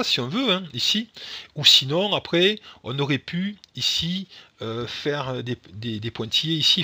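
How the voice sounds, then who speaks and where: Bright husky-voiced man narrating a tutorial. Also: medium pitch. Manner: thinks aloud with many fillers and restarts; narrates each click as he works. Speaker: software tutorial instructor. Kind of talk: screen-recorded software tutorial.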